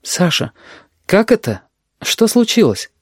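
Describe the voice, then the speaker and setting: An affectionate middle-aged mother in an audiobook, fussing and doting, her voice lifted high and bright. A male reader puts her on, recorded close and dry, with no room around the voice. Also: big pitch swings, slow pace, dry recording, exaggerated voice. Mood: worried.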